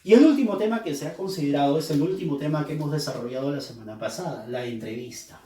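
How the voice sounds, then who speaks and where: A man's voice: on the high side, quick pace, warm tone. A male teacher giving a recorded review lesson, explaining patiently and repeating key terms. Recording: roomy echo, mic at a distance.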